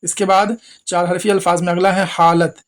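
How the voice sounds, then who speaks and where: A man's voice: high-pitched, flat delivery, normal speed. A man teaching Urdu spelling who spells each word out letter by letter, asks his viewers questions and repeats every word.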